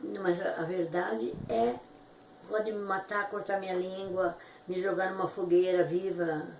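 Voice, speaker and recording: A woman tells a personal testimony with fervent emotion, her voice leaping high at the peaks. She sounds distant from the mic in a roomy, echoey space, with faint background noise. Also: fairly even intonation, unhurried, darkish tone. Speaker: testimony giver.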